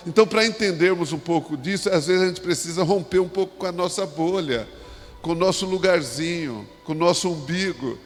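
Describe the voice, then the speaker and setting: A man with a Brazilian Portuguese accent preaching a sermon as a pastor in a church, talking in a halting way with restarts and asides. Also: sits high, soft background music. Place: church sanctuary. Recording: long hall reverb.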